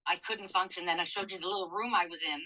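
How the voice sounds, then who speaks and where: A woman's voice: lowish voice, fast talker, bright, forceful tone, low-quality recording. A middle-aged woman telling a personal story in a candid, emotional, casual chat. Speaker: co-host.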